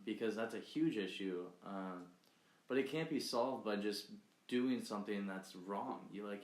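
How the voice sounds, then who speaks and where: A young man co-hosting a podcast, talking politics in a blunt, heated way and swearing freely. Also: lowish voice. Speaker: podcast co-host. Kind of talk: casual political chat. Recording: echoey room.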